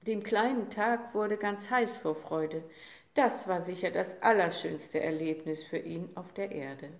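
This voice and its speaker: A woman reading a children's story aloud, slow and expressive, in a roomy recording. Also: fairly low pitch. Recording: roomy echo.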